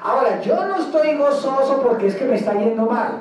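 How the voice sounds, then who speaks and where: A man's voice: very high voice, expressive, a little fast, slight background noise. A man from Colombia, a pastor preaching an emphatic sermon and acting out the words of believers. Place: church. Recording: very echoey church hall, mic far.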